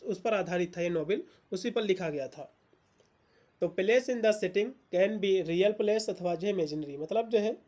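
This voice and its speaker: A woman teacher explains literary terms in an exam-prep lecture, leaning on fillers and repeating herself. She reads English definitions slowly, one word at a time. Her voice is mellow and mid-pitched.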